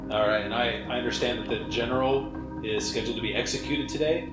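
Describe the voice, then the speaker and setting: A man's voice: mid-range voice, fast. A man as a player in a tabletop game, mixing casual table talk with in-game role-play. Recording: roomy sound under loud music.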